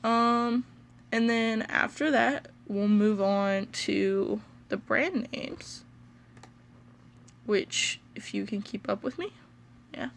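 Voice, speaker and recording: A woman with a Midwestern American accent explaining pronunciations in a casual, hesitant way, with many ums and pauses. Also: mid-range voice, creaky, a little hiss or hum. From United States. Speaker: pronunciation video host.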